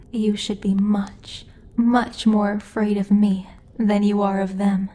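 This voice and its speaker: In an ASMR roleplay, a woman voices a commanding demon lord, measured, imperious and teasing, much like a strict yet protective boss. Her natural, mid-range voice has a warm tone, with slight background noise.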